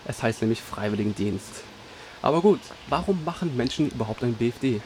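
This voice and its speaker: A man's voice: mid-range voice, animated, fairly quick, a little mellow. Young man from Germany, radio host, upbeat scripted delivery, faint background hiss.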